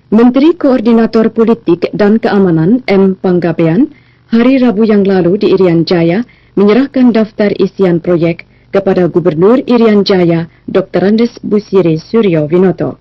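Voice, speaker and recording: A woman newsreader delivering a formal television news bulletin in a measured, even manner, heard as old 1980s broadcast sound. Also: medium pitch, no room sound. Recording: dull, lo-fi, dry archive broadcast audio.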